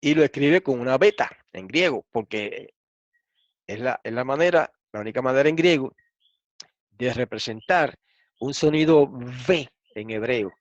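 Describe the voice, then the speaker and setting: A man's voice: medium pitch, measured pace, no echo. Man lecturing over a dull, dry recording. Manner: explanatory, checks in with listeners. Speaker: Bible teacher. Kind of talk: lecture reading through quotations.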